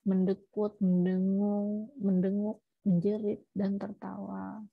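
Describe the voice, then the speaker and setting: A woman lectures in a gravelly, slightly husky voice, explaining patiently and tagging her points with little checks to her listeners. The sound is dry and a bit muffled, like a lo-fi recording. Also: mid-range voice, no echo. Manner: explanatory, frequent tag "ya", self-corrections. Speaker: teacher. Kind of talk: lecture on child language development.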